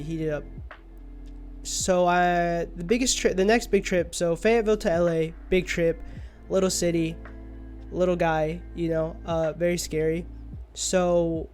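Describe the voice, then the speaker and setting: Young male streamer, sleepy and rambling, higher-pitched, soft music in background. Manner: rambling, drowsy, trailing off. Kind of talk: casual livestream chat. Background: faint music.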